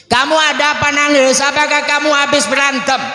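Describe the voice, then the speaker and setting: A preacher doing a kindly old grandpa, coaxing, high and bright, repeating his questions gently, echoing through a reverberant prayer hall. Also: level tone, a little fast, full character voice. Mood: concerned. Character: kindly elderly grandfather questioning a crying boy.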